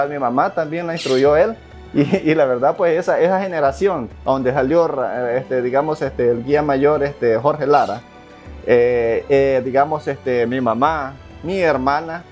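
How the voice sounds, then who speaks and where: Man, somewhat high voice, earnest, hesitant, repeats words, muffled lo-fi recording, soft music behind. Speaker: interviewee, son of the subject. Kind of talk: documentary interview testimony. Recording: dull lo-fi sound with faint music.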